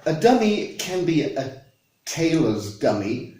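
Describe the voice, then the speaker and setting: A man's voice: a little high, very animated, takes it slowly, warm tone, roomy sound. A man from Wales with a Welsh accent, a guest English teacher chatting casually and making dry joking asides. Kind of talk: casual conversation.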